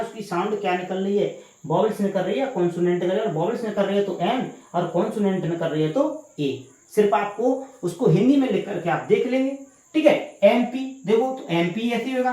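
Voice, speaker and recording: A woman's voice: medium pitch, mellow. A woman teaching English grammar in an online lesson, asking questions and answering them herself and repeating key words. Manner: addresses students as "guys". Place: indoor room with a power cut. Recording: echoey room.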